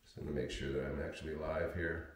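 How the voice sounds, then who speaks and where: Man, very deep voice, heavy booming echo, home darkroom, camera built-in mic, rambling, apologetic, lots of fillers, casual livestream. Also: steady tone, fast, noisy background. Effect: heavy booming room echo. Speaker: photographic printmaker livestreaming. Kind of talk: casual live stream chat. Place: home darkroom workspace with sink. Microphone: camera's built-in mic, wireless mic failed.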